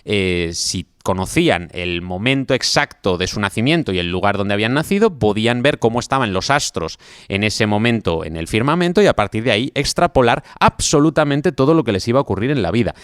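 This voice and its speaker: A man with a Spanish accent, a guest historian talking through a story in a relaxed interview, with many fillers. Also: lowish voice, a little fast, smooth, dry recording, studio quality. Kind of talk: conversational interview.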